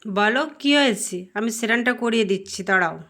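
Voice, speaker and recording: A woman playing a mother in a playful home role-play, soothing and gently teasing. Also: on the high side, fast.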